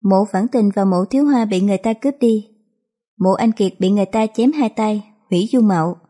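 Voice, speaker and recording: A woman narrating a dramatic story in a slow, measured reading voice. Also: medium pitch, dark tone.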